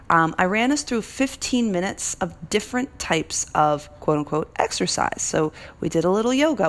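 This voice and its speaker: A woman hosting a lifestyle challenge, giving an upbeat, encouraging motivational talk with a morning voice. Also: lowish voice. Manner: upbeat and encouraging, stretches key words. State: morning voice, clearing her throat.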